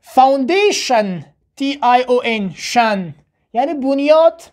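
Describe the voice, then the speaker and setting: A woman with an Afghan Dari accent teaching a spoken language lesson, slowly repeating words for drill and asking and answering her own questions. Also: high voice, animated, darkish tone. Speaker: English teacher.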